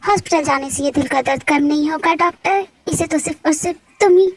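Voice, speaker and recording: A bold young mafia queen who teases and demands, her voice very high and thin, as a woman voices her. She sounds like a homemade fan-dub drama. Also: fairly quick. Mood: teasing. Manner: teasing and demanding, then indignant. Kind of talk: amateur Hindi fan dub.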